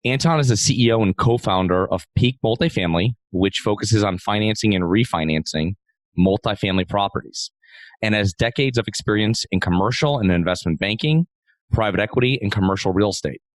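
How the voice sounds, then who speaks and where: A man's voice: lowish voice, brisk, no echo, low-quality recording. A man hosting an interview podcast, giving introductions and asking questions. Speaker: podcast host.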